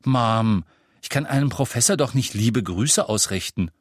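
A man voicing an excited, breathless schoolboy who blurts out gossip. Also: medium pitch, unhurried, husky, no room sound, clean studio sound. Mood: teasing. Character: excited boy James, loud, breathless, boastful.

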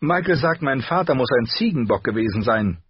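A cocky, eager teenage girl, as a male narrator puts her on, his voice pushed well up for her. The read is husky and dry with a dull tone. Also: medium pitch, lively intonation, fairly quick, dry recording, pitched above the performer's own voice. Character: wiry, boastful teenage girl guide.

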